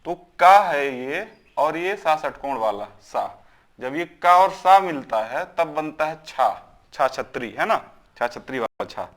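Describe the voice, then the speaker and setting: A man's voice: fairly high pitch, lively intonation, takes it slowly, fairly bright tone. A man teaching a grammar lesson. He asks questions, answers them himself and drills syllables aloud, often checking in with "is it not?".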